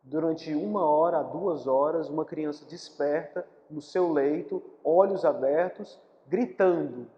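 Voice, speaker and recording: A man's voice: fairly high pitch, unhurried, hardly any pauses. A Brazilian man giving a live public talk as a spiritist lecturer, explaining patiently and repeating key words for emphasis. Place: lecture hall. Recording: dull recording in a reverberant hall.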